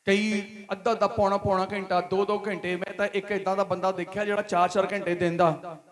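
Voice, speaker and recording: High-voiced Punjabi pastor preaching. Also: male voice, level tone, a little fast. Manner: preaching with rising emphatic questions and repetition. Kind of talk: sermon. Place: church hall.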